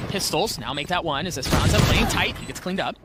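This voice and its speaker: A man working as an esports caster, calling a match with fast, excited play-by-play that moves between tense tracking and shouted calls. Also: a little high, loud music behind the voice. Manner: animated, swings from hushed tracking to shouted calls.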